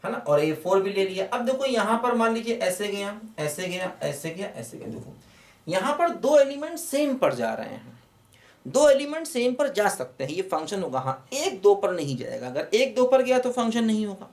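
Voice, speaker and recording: A man's voice: high voice, sing-song, moderate pace, a little mellow. A man gives a maths lesson in a fatherly, coaxing way, addressing his students as children and repeatedly calling for their attention. His delivery swoops up and down with animation. The sound is roomy and echoey, picked up from a mic set some distance away. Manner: fatherly, calls viewers children, keeps repeating "look". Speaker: maths teacher. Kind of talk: online maths lecture.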